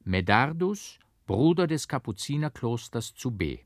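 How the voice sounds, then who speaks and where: A man voicing a kindly male cleric who speaks gently and calmly. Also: medium pitch, a little slow, no echo, studio quality, pitched above the performer's own voice. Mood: gentle. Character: kindly male monk-priest, calm and gently amused.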